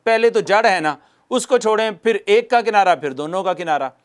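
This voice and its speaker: A man with a fairly high voice teaches a recitation lesson for television. He talks patiently and repeats himself, asks the viewer questions and answers them. When he demonstrates a sound, he slows right down. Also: expressive. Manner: patient, repeats key points and quizzes the viewer.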